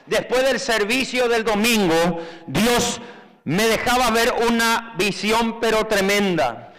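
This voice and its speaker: A man preaching a fervent sermon, calling on the congregation to repeat after him and rising to shouts. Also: high voice, in a large hall. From Paraguay.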